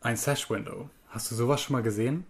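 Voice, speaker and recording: Originally from Germany and in his twenties or thirties, this guest writer speaks quickly with a medium-pitched voice. He fumbles through interview questions with many ums and restarts before reading from his own work.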